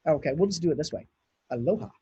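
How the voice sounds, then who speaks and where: A man's voice: fairly high pitch, expressive, rapid-fire, mellow, slightly rough, no echo. A man from Hawaii giving a conference talk, thinking aloud and chatting as he runs a live coding demo. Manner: chatty, thinks aloud while clicking and typing. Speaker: conference speaker.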